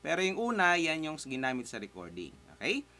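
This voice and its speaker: A man's voice: fairly high pitch, huge pitch swings, brisk, bright, forceful tone. A man giving a casual guitar lesson, chatty and encouraging, calling out chords and counting strums aloud. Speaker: guitar teacher. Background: his own guitar playing.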